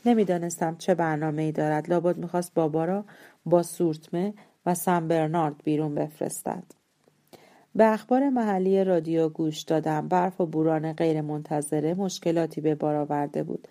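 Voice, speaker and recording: A woman reading a novel aloud as an audiobook narrator, calm and measured. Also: low voice. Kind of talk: scripted story narration.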